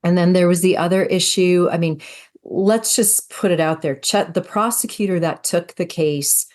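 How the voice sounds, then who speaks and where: A woman's voice: on the low side, fairly even intonation, moderate pace, darkish tone. A middle-aged woman co-hosting a podcast, telling her account in an earnest, storytelling way. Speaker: podcast co-host. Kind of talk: conversational podcast discussion.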